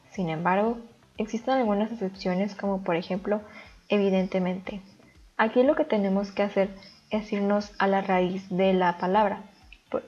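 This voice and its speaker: Female teacher, even mid-pitched voice, methodical explainer, muffled recording with soft music under it. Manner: calm, step-by-step explaining. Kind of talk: recorded grammar lesson.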